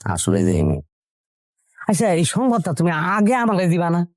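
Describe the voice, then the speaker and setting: An upset village husband. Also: male voice, sits high, wildly swooping pitch, darkish tone, no echo, studio quality, exaggerated voice. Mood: stunned. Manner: reproachful and fast-talking.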